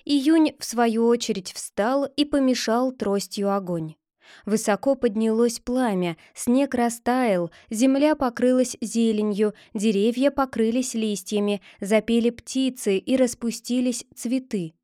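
Woman, fairy tale narration, calm and even, fairly high voice, dry room. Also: unhurried, dry recording. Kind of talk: reading a fairy tale aloud.

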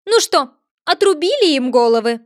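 A woman reading aloud and voicing a shrill, tyrannical queen of cards who barks curt orders. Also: moderate pace, a bit bright, no echo, studio quality. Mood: shrieking rage. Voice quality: shrill, shrieking.

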